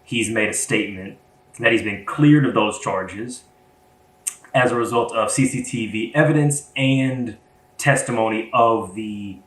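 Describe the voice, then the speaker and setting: Guy cohosting a podcast, kinda rambly, lots of restarts, lowish voice, roomy echo. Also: unhurried, a bit bright. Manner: rambling, hesitant, many restarts and fillers. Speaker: podcast co-host. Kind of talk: casual podcast chat.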